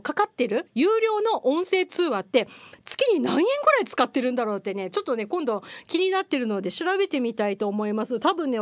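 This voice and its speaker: A woman's voice: high-pitched, no room sound. A woman hosting a casual solo news chat, chatty and wry, mixing formal polite phrasing with casual asides and frequent hesitations. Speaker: podcast host.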